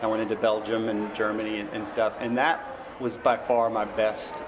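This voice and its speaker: An American man, interviewed about his novels, explains his work in an offhand, rambling manner. He speaks on the low side, with a level tone at a moderate pace, against a clearly noisy background.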